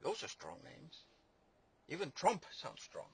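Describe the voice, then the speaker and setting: A man's voice: on the high side, huge pitch swings, unhurried, slightly rough, dry recording. A man delivering a sarcastic political monologue, rambling and mocking, with many fillers and restarts. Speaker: commentator.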